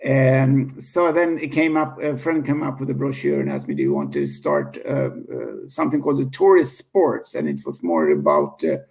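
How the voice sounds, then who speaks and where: Speaking with a medium-pitched, sing-song voice that has vocal fry and a darkish tone, this Swedish-accented man in his fifties sits as a guest in a relaxed interview. He laughs readily, and his speech halts often as he restarts and corrects himself.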